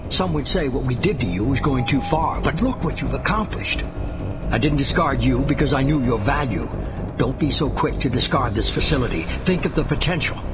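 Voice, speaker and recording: A man voices a middle-aged mastermind in a sci-fi game. He is ruthless yet controlled, pressing his case persuasively at a medium pitch over loud music. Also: animated, moderate pace, close to an everyday voice. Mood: calm persuasion. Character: ruthless, persuasive middle-aged male shadowy organisation boss. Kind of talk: scripted game cutscene dialogue. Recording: loud cinematic music behind.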